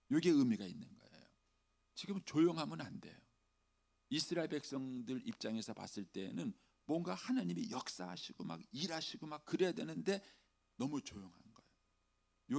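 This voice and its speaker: A middle-aged male pastor preaching a dawn sermon, acting out pleading prayers in a raised voice and dropping to soft near-whispers. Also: medium pitch, vocal fry.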